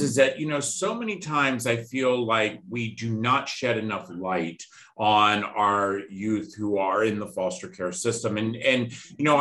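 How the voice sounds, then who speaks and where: A middle-aged man with a bright, forceful voice hosts an interview over a video call. He speaks with passion and emphasis, hammering points home by repeating them. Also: on the low side, low-quality recording. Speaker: podcast host. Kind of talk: casual interview.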